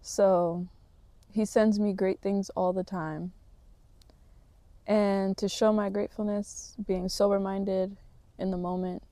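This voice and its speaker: A woman's voice: medium pitch, little pitch movement, slow pace, long pauses, dark tone, no echo. A woman talking to camera in a casual vlog, reflective and motivational, rambling a little with fillers. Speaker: vlogger.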